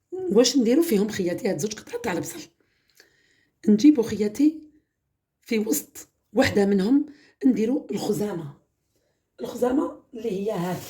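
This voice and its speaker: A woman with an Algerian Arabic accent talks her viewers through a home remedy in a brisk, chatty stream. She keeps calling them "my sisters" and walks through each step in turn. Her voice sounds mellow and warm, and she talks fast. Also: medium pitch. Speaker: home cooking channel host. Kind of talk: casual home-remedy demonstration.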